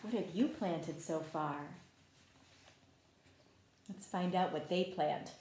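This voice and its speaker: Reading slowly in a lowish voice, a woman teacher brings a picture book to life for young kids. She often stops to ask them questions and keeps her tone encouraging and expressive, while the room echoes around her.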